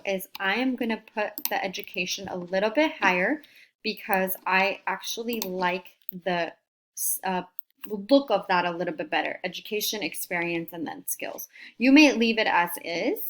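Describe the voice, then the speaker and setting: With a medium-pitched, slightly bright voice, a female career coach narrates a screen-recorded tutorial. She's upbeat and encouraging, walking students through every step while clicking through them.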